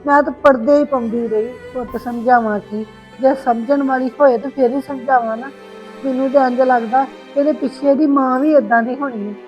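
High-pitched, long-suffering Punjabi aunty, acted by a woman. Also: fairly even intonation, fairly quick, lightly acted. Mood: aggrieved complaining. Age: middle-aged. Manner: plaintive Punjabi aunty wailing and grumbling. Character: long-suffering Punjabi aunty, aggrieved mother-in-law, lamenting and complaining. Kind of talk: amateur family drama acting. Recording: dull lo-fi sound with background music.

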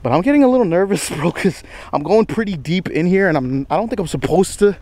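Twenty-something guy vlogging outdoors on a walk, rambly and slangy, bit out of breath, slightly high voice, dry close sound. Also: lively intonation, quick pace, darkish tone, no echo. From United States. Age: 20s. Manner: rambling, slangy, self-deprecating, says bro a lot. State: a little out of breath. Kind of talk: casual walking vlog. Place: outdoors on a wooded estate trail.

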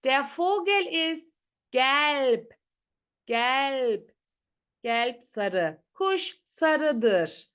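A woman with a fairly high voice gives an unhurried lesson, saying each word slowly and then repeating it. Her manner is patient, the style of someone drilling pronunciation with learners. The audio sounds slightly dull and muffled. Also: lively intonation, fairly bright tone, smooth. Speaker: German teacher. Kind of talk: slow teaching with repetition. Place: online class.

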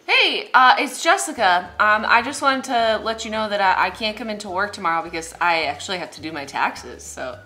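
A woman's voice: mid-range voice, lively intonation, brisk, hardly any pauses, sharp tone. A young woman speaking casually and hesitantly, rambling through comedic prank calls in a small room. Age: young adult. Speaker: prank caller, co-host.

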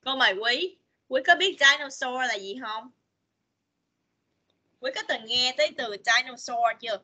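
A woman, an English teacher on a video call, patiently coaxing children and modeling words slowly for them to repeat. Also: high voice, sharp tone. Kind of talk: online English lesson for children.

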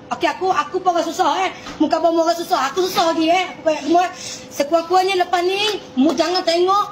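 A woman's voice: extremely high pitch, a little hiss or hum. A woman scolding store staff in a heated confrontation, angry and repetitive. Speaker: angry customer and mother. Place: convenience store.

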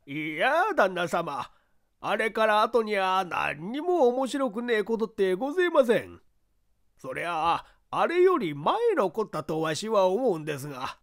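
A woman's voice: mid-range voice, very animated, unhurried. A woman voicing a simple, earnest old male servant who talks in a thick rural dialect. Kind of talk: audiobook character reading.

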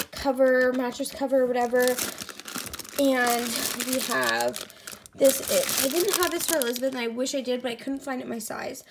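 High and creaky, this woman's voice carries slight background noise as she strolls through her house in a casual vlog tour. She's pregnant and at times out of breath, and her meandering talk is full of ums and likes.

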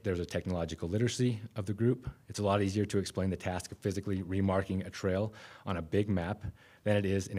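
A man, giving a conference keynote from a podium microphone in a conference room, measured and with frequent restarts. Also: deep voice, a little mellow, slightly rough. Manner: measured, self-correcting restarts. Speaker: keynote speaker.

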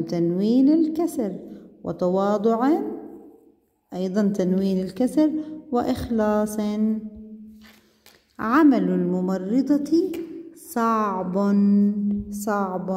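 Dark-toned woman teaching grammar slowly. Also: mid-range voice, in a large hall. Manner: patient, stretches out key words, praises pupils. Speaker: primary school Arabic teacher. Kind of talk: recorded online grammar lesson.

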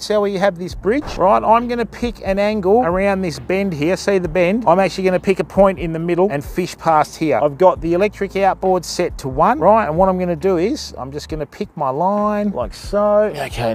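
Out on a river in his kayak, a middle-aged Australian man talks through a live fishing stream, musing to himself and chatting with his viewers as people while sharing tips. His voice sits high with a darkish tone; the kayak-mounted action camera adds a little hiss or hum.

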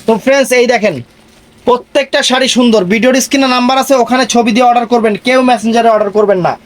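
A man giving a live online sales pitch in an emphatic, repetitive patter. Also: steady tone, racing. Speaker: online saree seller.

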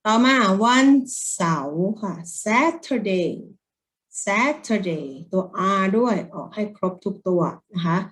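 A woman with a Thai accent teaching children English, speaking gently and encouragingly and drilling words slowly with repeat-after-me. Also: medium pitch, expressive.

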